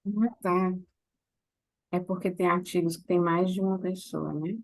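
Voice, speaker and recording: Low-voiced woman on a dry video call. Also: fairly even intonation, measured pace, dry recording, poor audio. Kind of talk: casual online meeting chat.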